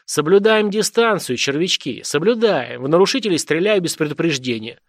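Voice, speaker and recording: A man's voice: fairly high pitch, lively intonation, moderate pace, no room sound, studio quality. A man reading an audiobook, voicing a phlegmatic, contemptuous chief of guards who bullies starving people. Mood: sneering. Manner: sneering, bullying, coarse.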